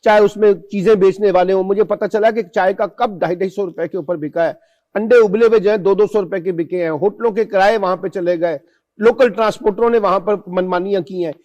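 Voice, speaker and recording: A man's voice: high-pitched, steady tone, darkish tone, lo-fi sound. A man hosting a talk show, asking pointed questions and listing examples. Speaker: host.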